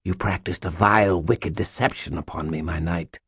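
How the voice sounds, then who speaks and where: A man's voice: low voice, moderate pace, fairly bright tone, breathy edge, no room sound, studio quality, exaggerated voice. A man voicing an ageless, menacing faerie queen who hisses and purrs with cold, possessive regality in a storybook reading. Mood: imperious. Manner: hissing, purring, regal and possessive. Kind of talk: audiobook narration.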